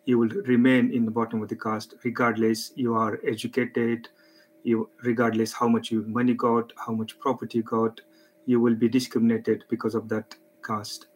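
A man from India, giving halting, earnest interview answers. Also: medium pitch, little pitch movement, slight background noise, low-quality recording. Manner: halting, earnest explaining with fillers. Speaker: charity guest.

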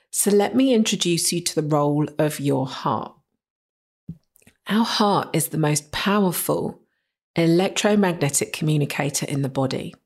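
A woman's voice: low-pitched, gravelly, darkish tone, slightly rough. A woman hosting a solo podcast, explaining ideas with enthusiastic emphasis and rhetorical questions. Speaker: podcast host.

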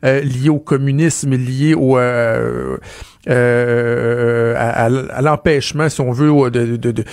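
A male host with a Québécois accent who trips over his words and drops wry remarks. His voice sits at an average pitch, and the sound is close and dry. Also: steady tone, slow pace, darkish tone, clear, resonant tone, no room sound. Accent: Québécois French. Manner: hesitant, stammering, wry. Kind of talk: casual talk show debate.

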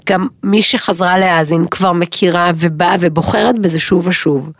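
A middle-aged woman co-hosting a podcast in casual chat, rambling, emotional and quick to joke. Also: on the low side, fairly even intonation, no echo. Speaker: podcast co-host.

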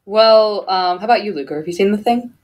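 A woman's voice: medium pitch, brisk. A woman co-hosting a radio show in casual chat, talkative and laughing often, with many fillers.

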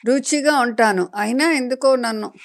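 Rich: A woman putting on a talking eggplant from a children's storybook, a cheerful know-it-all who explains things to a small child. It talks in a lively, playful, lecturing way, slightly higher than an everyday voice, and loud and bright. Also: normal speed, creaky. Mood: chatty, teaching.

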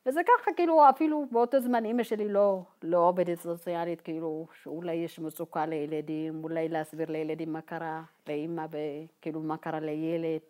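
Halting woman from Ethiopia, slightly low voice. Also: fairly even intonation, mellow. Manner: halting and informal, many fillers, acts out remembered dialogue. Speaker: guest telling her life story. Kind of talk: personal testimony told to a group.

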